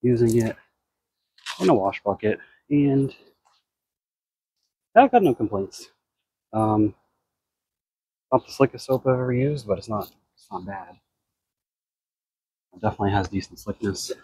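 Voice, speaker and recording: An American man giving a casual, unscripted product demonstration in a low-key way, thinking aloud as he works. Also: sing-song, measured pace, gravelly, long pauses, dark tone, breathy edge, no echo, rough recording. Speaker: car care product reviewer.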